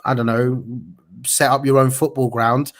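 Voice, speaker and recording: A man hosts an independent news show in a mid-pitched voice. He speaks earnestly, halting with fillers and restarts as he gathers his thoughts. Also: flat delivery. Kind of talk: interview talk.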